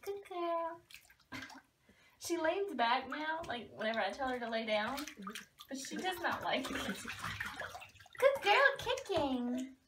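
A woman's voice: high-pitched, expressive, normal speed, recorded from a distance. A woman giving coaxing, encouraging baby talk off camera in a small bathroom. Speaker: mother bathing her baby. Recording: noisy bathroom, water sounds, off camera.

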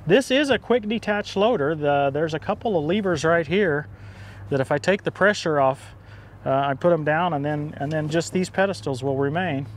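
A man's voice: a little high, normal speed. A man hosting a video, casually explaining a tractor's features at an outdoor auction. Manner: explanatory, easygoing. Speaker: host. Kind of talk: casual walk-around commentary. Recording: noisy outdoor recording.

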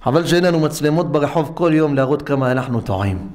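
A man, a rabbi, giving a storytelling sermon in a synagogue, acting out dialogue and speaking straight to his listeners. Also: a little high. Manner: animated, acts out dialogue, addresses listeners directly. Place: synagogue hall, live-streamed.

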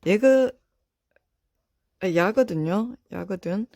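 A woman's voice: mid-range voice, expressive, slow pace, warm tone, no echo, clean studio sound. A woman chatting casually while she unboxes toy figures, often exclaiming and talking to herself.

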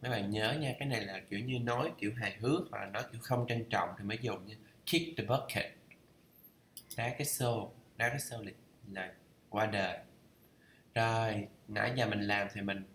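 A Vietnamese man talking through English idioms in a casual study vlog. He thinks aloud and reads English phrases slowly to check how they are pronounced. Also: fairly low pitch, fairly bright tone, roomy sound, a little hiss or hum. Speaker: learner reading a course aloud.

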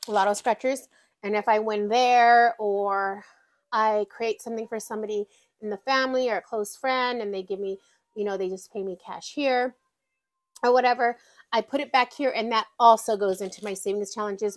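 Budget vlogger, woman, light raised pitch, chatty and informal, counts bills aloud, talks to her binders. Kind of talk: casual chat while counting cash.

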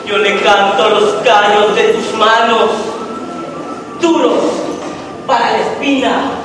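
A man's voice: high-pitched, slow, music in the background. A young man declaims poetry like a hammy stage actor, solemn and emphatic, in a noisy, echoing hall. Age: teenager or young adult. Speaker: contestant in a poetry declamation contest. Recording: echoey hall from far off, noisy.

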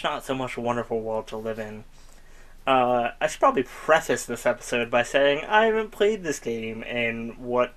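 A man's voice: mid-range voice, a bit bright. Young man, gaming commentary, rambling, self-mocking, casual chat. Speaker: gaming YouTuber. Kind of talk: casual let's-play commentary.

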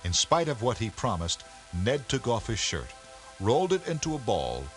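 A man giving measured, scripted storybook narration for an educational game. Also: mid-range voice, wildly swooping pitch, faint music behind.

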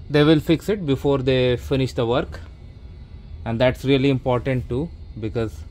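A man casually narrating a walkthrough of his basement renovation, rambling with many fillers and restarts, filmed on a handheld camera. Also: medium pitch. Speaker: homeowner vlogger. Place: unfinished basement, later outdoors in a stairwell. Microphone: handheld or body camera, first-person view.

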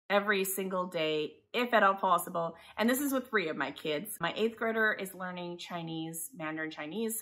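Indoors by her living room window, a Taiwanese mother in her forties who homeschools chats in a loose, rambling vlog. Her voice sits on the low side, with a fairly bright tone.

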